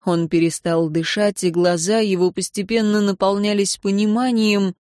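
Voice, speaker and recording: A woman narrating a fantasy audiobook in a steady, even storytelling manner. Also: medium pitch, moderate pace, dry recording, clean studio sound. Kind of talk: scripted narration.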